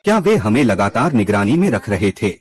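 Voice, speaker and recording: A man's voice: fairly low pitch, sing-song, a little fast, slightly rough. A man narrating a drama recap in a scripted way, reading out every character's lines himself.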